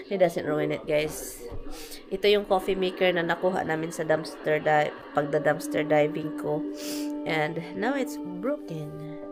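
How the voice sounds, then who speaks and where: A Filipino woman vlogging casually at home with a Filipino accent, mixing chatty talk with hushed asides. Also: lowish voice. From Philippines. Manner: chatty, switching between Tagalog and English, often drops to a whisper. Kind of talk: casual vlog chat. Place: home, garage and house. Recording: noisy home recording.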